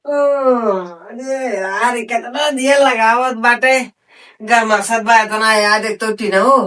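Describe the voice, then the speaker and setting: A man's voice: very high voice, takes it slowly, pushed and bright, heavily acted. An idle village stoner from a comedy skit, acted by a man, talks in a lazy Awadhi drawl. He is a bidi-smoking young buddy, recorded at some distance from the microphone. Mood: idle, stoned.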